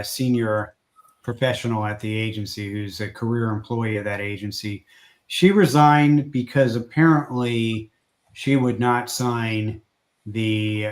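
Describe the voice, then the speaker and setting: A man who is an immigration lawyer talks through a livestream update over a video call. His voice is slightly low and a little hoarse. He speaks haltingly, restarting often with fillers.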